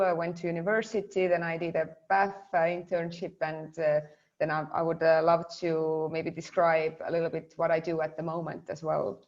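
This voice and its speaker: A woman in her twenties with an Estonian accent, presenting informally and hesitantly over a video call. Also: lowish voice. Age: 20s. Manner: hesitant, halting phrasing. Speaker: guest speaker. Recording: muffled, lo-fi video call audio.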